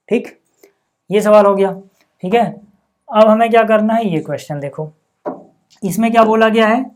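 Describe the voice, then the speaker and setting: A man teaching a maths lesson. He works through each step patiently, poses rhetorical questions to the class and answers them, keeps checking in, and mixes English maths terms into his explanations. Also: sits high. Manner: frequent checking-in with "okay" and "see".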